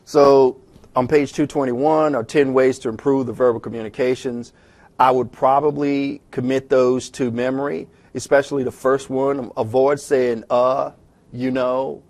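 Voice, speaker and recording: A man talking fast and conversationally as he records a lecture walking through a textbook chapter, with frequent restarts. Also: mid-range voice, fairly even intonation, a little mellow. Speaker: instructor. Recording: self-recorded lecture audio.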